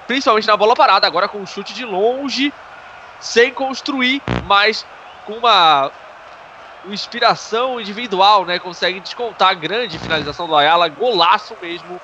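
A man's voice: high voice, normal speed, sharp tone. A Brazilian man giving live football analysis as a co-commentator, explaining plays and often adding little checking tags. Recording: dull noisy sports broadcast.

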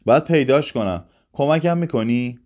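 A man's voice: medium pitch, lively intonation, darkish tone, voice pushed up, lightly acted. A man voicing a frightened young girl in a read-aloud story, asking small, pleading questions. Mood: eager. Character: young girl freed from a soda bottle, frightened.

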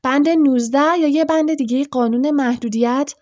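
A woman voicing an eager, excitable boy wizard in an audiobook, talking in quick, urgent bursts. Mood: excited. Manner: quick, urgent, high-pitched outbursts. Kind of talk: audiobook character voice.

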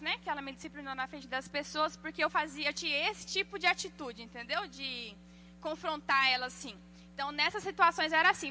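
Woman preaching bout parenting, acts out voices in her stories, high voice, faint hum behind. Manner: lively storytelling, acting out quoted voices. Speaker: church speaker. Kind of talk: sermon on parenting with personal stories.

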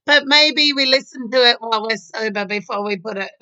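A giggly, agreeable woman co-hosting a podcast, with a high, bright and smooth voice. She talks slowly and easily. The sound is a bit dull and lo-fi. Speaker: podcast co-host. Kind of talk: casual chat.

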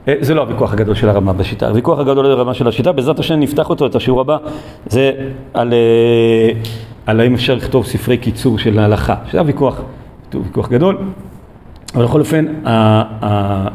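Man teaching a recorded Torah lesson, mellow tone, halting delivery with many fillers, faint background noise. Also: medium pitch. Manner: hesitant, many drawn-out fillers.

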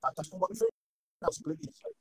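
A man's voice: a little fast, no room sound. A man chatting casually and slangily about music, his voice coming through poor, distant-sounding online call audio. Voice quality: slangy, relaxed talker. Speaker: podcast panelist.

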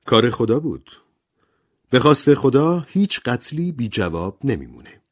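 A man's voice: medium pitch, big pitch swings, voice pushed up. A man voicing a stern, pious elderly spinster who speaks in a severe, moralizing way.

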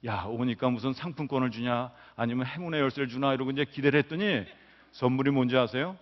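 A man's voice: medium pitch, fast. A middle-aged male professor delivers a public lecture and spins anecdotes, acting out each quoted line. His voice carries the long reverb of a large hall. The recording is dull and lo-fi. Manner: lively storyteller acting out quotes. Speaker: business professor. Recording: roomy hall, dull lo-fi sound.

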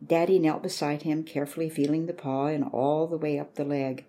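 Storybook narrator, a woman, low and mellow, steady and measured.

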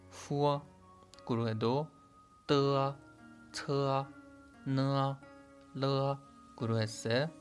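A man's voice: medium pitch, vocal fry. A man teaching a podcast language lesson, explaining step by step and saying sounds aloud as examples.

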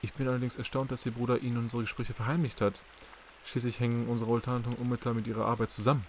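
A man voicing a polite, calculating male psychiatrist in an audiobook, soft and measured. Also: mid-range voice, level tone, a little hiss or hum, lightly acted. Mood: smooth. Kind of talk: audiobook character reading.

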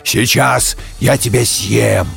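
A treacherous, hungry storybook tiger growls through a gravelly, creaking voice, as a man reads him. He takes his time, drawling each threat slowly, and his pitch rolls up and down with grumbling menace. There is faint music under him. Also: fairly even intonation, a bit bright, exaggerated voice. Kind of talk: storybook reading.

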